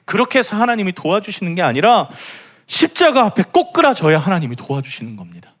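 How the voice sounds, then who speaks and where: A man's voice: high voice, very animated, quick pace, fairly bright tone. A young man preaching a sermon in a church, impassioned and rising to emphatic pleading. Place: church sanctuary.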